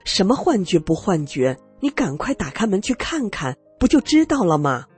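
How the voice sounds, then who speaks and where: A woman's voice: medium pitch, sing-song, normal speed, slightly rough, faint music behind. A woman voicing an anxious, insistent middle-aged aunt in a dramatized radio story.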